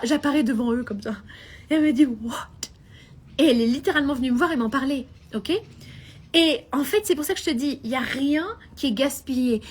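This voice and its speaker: Lively high-voiced woman coaching on a live stream. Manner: animated, mixes English phrases into French, frequent laughs.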